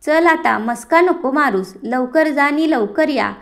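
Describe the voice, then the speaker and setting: A woman's voice: sits high, animated, measured pace. A woman voicing a fussy middle-aged mother who grumbles and teases her family. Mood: grumbling.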